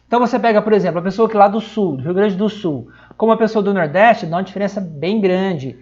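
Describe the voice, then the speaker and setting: A man's voice: high-pitched, quick pace, a little mellow, muffled recording. Chatty São man teaching online. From São Paulo, Brazil. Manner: chatty, checks in constantly with tag questions. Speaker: English teacher. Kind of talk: live-streamed online lesson.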